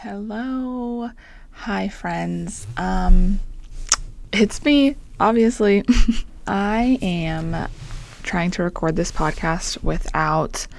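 A woman in her twenties hosting her own podcast in a casual, rambling chat. Her voice is raspy, deep and sore, and she talks in a low-key, flat way. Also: drawn-out words. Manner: low-key, flat delivery with little enthusiasm; rambling and chatty, with frequent fillers and small laughs. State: hoarse. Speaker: podcast host and small business owner. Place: home on a busy downtown street.

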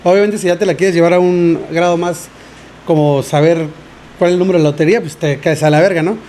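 A man's voice: fairly high pitch, steady tone, quick pace, mellow, a little hiss or hum. A young Mexican man co-hosting a casual podcast, telling slangy school stories with acted-out quotes. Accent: Mexican Spanish. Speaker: podcast co-host. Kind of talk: casual chat.

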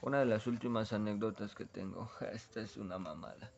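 A man's voice: fairly low pitch, a little fast, vocal fry, lo-fi sound, a little hiss or hum. A young man with a Mexican accent, rambling laid-back and full of slang in a casual chat from his bedroom. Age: young adult. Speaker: vlogger.

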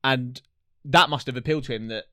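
A man's voice: mid-range voice, fairly quick, a bit bright, no echo, studio quality. A man co-hosting a casual football podcast, laid-back and agreeable, swearing casually. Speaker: podcast co-host.

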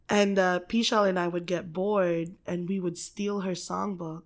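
A woman's voice: on the low side, fairly even intonation, measured pace. A woman from the Philippines chatting casually as a podcast guest, laughing often, swearing freely and filling gaps with um and like. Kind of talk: casual chat.

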